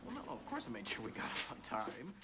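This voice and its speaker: A man's voice: medium pitch, huge pitch swings, fast talker, vocal fry, very noisy. A young man playing a vain, eager missionary who talks keen to please. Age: young adult.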